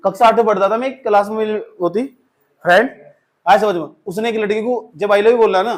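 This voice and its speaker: A man's voice: high voice, a little fast. A man with an Indian accent giving a classroom English lecture, switching between Hindi and English and acting out sample sentences. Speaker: English teacher.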